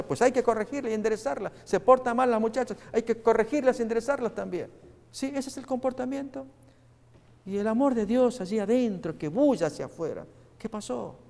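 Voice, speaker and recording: A man preaching a sermon in a high, gravelly voice. He talks earnestly and directly to his listeners, stopping often with fillers. His voice rings with a long hall reverb.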